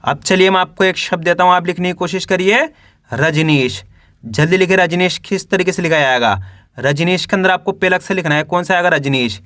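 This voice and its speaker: Bright-voiced man teaching reading step by step. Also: high voice, brisk, no echo, clean studio sound. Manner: repeats each word and asks questions back to the learner; sounds out words syllable by syllable. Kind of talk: spelling lesson for beginners.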